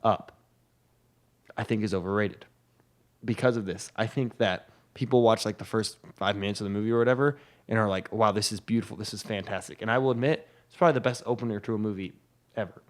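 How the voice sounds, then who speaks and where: A young man with a fairly low voice co-hosting a podcast. He chats casually and states his opinions plainly and firmly. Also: fairly quick. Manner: opinionated, matter-of-fact. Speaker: podcast co-host. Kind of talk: casual chat.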